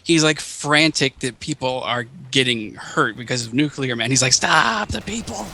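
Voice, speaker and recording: A man in casual chat, excitable and searching for words. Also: medium pitch, normal speed, slight background noise.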